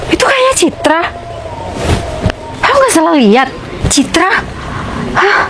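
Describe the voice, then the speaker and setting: A woman's voice: very high voice, big pitch swings, unhurried, background noise, exaggerated voice. A woman playing a pushy, money-minded young woman. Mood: chatty. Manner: chatty, pushy, talking to herself and on the phone. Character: demanding young woman pressing a sick boyfriend for money. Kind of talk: short film acting.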